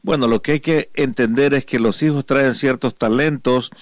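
A man's voice: mid-range voice, moderate pace, no room sound, clean studio sound. A man who is a pastor and family counselor, hosting an interview and giving parents earnest advice.

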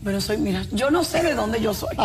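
Older woman from cuba reading listener questions on a faith show, kinda high voice, faint hiss. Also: expressive, brisk. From Cuba, raised in Puerto Rico. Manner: affirming interjections.

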